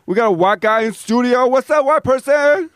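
A man's voice: high-pitched, lively intonation, unhurried, fairly bright tone, no echo, clean studio sound, full character voice. A man putting on a swaggering caricature persona. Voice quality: swaggering, drawling slang. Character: brash exaggerated caricature male podcast persona. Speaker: podcast co-host.

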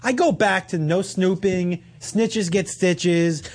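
A man's voice: sits high, slow. A man hosting a casual phone-in show as a comedian, blunt and profane, repeating himself for emphasis. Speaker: talk show host, comedian.

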